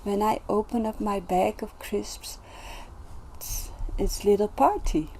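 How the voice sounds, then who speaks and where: Woman vlogging, slow gentle earnest talk, lots of pauses and restarts, soft mellow voice. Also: medium pitch, a little hiss or hum. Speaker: self-development vlogger. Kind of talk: casual reflective monologue.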